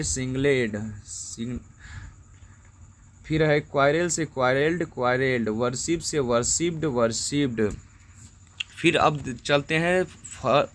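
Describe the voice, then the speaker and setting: A man with a Bihari accent teaching grammar rules, speaking in a slow, methodical way and repeating each example word twice. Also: mid-range voice, a little hiss or hum. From India. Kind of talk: explaining grammar rules to students.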